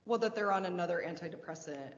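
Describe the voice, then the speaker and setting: A woman's voice: on the low side, fast. A woman presenting drug criteria in a committee meeting, explaining and hedging carefully, heard with a big hall echo. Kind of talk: meeting discussion. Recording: big echoey hall, dull sound.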